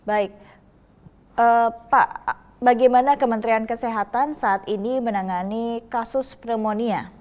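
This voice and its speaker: A woman's voice: fairly high pitch, steady tone. Polite woman anchor asking questions. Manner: polite, brisk, with soft backchannel hums. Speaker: news anchor. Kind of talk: scripted interview questions.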